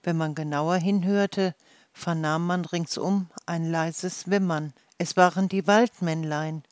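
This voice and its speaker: A storyteller reading a fairy tale aloud in a calm, measured storybook manner. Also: mid-range voice, no echo. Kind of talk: slow read-aloud fairy tale narration.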